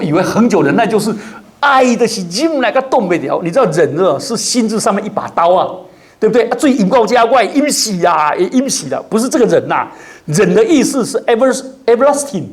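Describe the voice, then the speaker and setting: Animated male pastor preaching. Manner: animated, acts out quoted people with big pitch jumps; drops in English words. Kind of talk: expository sermon. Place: church.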